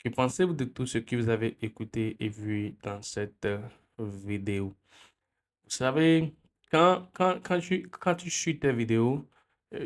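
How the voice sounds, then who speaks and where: A man from Benin, giving an impassioned political commentary full of repeated phrases and rhetorical questions. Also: medium pitch. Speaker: video commentator.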